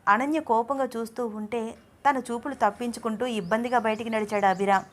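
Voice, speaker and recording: A woman reading a romance story aloud as narrator. Her delivery is gentle and even. She keeps a steady, unhurried reading pace. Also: on the high side.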